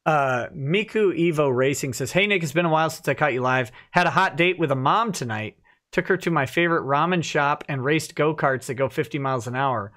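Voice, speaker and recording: A live stream host in his thirties talks briskly in a slightly high, fairly bright voice, chatting, laughing often, and reading out comments from his viewers. He works from an indoor home office studio. His microphone is a headset with a boom.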